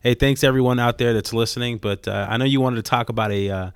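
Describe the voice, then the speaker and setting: A man's voice: mid-range voice, fairly even intonation, quick pace, smooth, no echo, clean studio sound. A man talking casually and conversationally as a podcast co-host.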